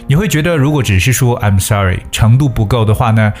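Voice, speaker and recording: A man teaching a bilingual English lesson, explaining patiently and repeating phrases slowly for practice. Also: medium pitch, animated, a little mellow, soft background music.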